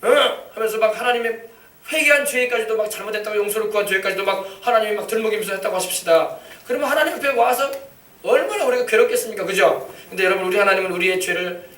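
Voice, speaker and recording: A man's voice: high-pitched, fast, a bit bright. A man preaching a sermon as a pastor, emphatic and repetitive, drawing responses from the congregation. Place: church sanctuary. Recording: echoey church, mic far off.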